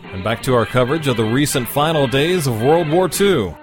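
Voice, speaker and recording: A man with a mid-pitched voice presents a scripted radio countdown and history programme. Faint music plays under his narration. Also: expressive, fairly quick. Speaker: radio show host.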